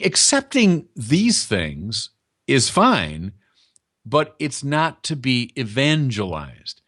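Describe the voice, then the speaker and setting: A man's voice: medium pitch, a bit bright. A man preaching a sermon in a conversational, emphatic way, repeating his key points.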